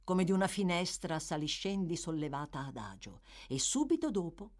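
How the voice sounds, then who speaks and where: Woman narrator, lowish voice, very lively intonation, dramatic literary reading. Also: moderate pace. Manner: expressive, dramatic storytelling. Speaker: audiobook narrator.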